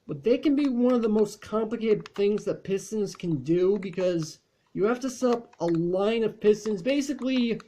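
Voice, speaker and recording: A man's voice: high voice, expressive, moderate pace, dark tone. A man chatting casually over gameplay as a channel host, rambling along with frequent fillers and restarts.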